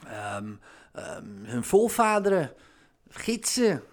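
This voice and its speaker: A man talking casually in a monologue, animated, with many fillers and sudden rises in pitch when excited. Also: slow.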